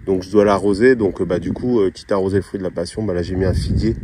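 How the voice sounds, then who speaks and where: Low-voiced French man, relaxed outdoor vlog. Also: fast talker. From France. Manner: easygoing, chatty, many hesitations. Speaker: vlogger planting a tropical garden. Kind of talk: casual outdoor vlog talk. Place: outdoor plantation on a hot day. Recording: loud outdoor background noise.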